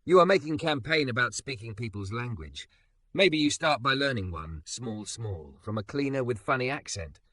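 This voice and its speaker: Gentle patient immigrant guy read by a male narrator, soft, measured, bright tone. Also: medium pitch, animated, no echo. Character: calm patient immigrant man, gently teasing.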